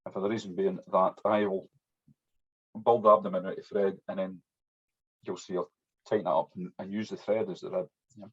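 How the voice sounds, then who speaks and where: A man's voice: low-pitched, level tone, a little fast, long pauses, husky. A man with a strong, broad Scottish accent, giving an informal hands-on demonstration as an instructor, chatty and often tagging his sentences with "yeah". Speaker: fly-tying instructor. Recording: dull, muffled lo-fi audio.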